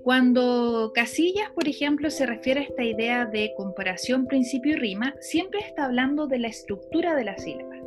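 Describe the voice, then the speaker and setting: A woman's voice: high-pitched, lively intonation, normal speed, few pauses, over music. A woman teaching a lesson, explaining step by step and quizzing a student with questions. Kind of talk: lecture on phonology.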